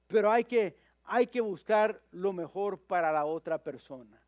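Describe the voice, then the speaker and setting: High-voiced man preaching a sermon. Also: no room sound, muffled recording. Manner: halting, with frequent repeated words and fillers.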